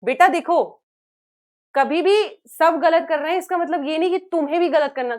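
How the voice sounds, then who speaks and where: Young woman teacher, high voice, earnest and coaxing, class lecture. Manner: earnest, coaxing, mixes Hindi and English.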